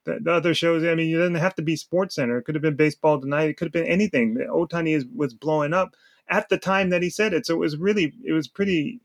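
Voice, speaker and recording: A man's voice: on the high side, quick pace. Guy on a sports podcast going off on a rant, stumbles n repeats words, laughs a bit. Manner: emphatic, repeats words while searching, laughs between points. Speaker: podcast co-host. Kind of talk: opinionated sports talk rant.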